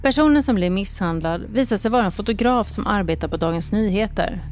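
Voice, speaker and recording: A woman hosting a podcast, reading scripted narration in a measured, calm way and putting questions to her guest. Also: medium pitch, a little hiss or hum. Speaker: host and narrator.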